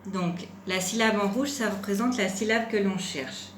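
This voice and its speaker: A woman teaching young children a phonics lesson at home, patiently stretching out words to sound each syllable and gently encouraging. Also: medium pitch, normal speed, reverberant, a little hiss or hum.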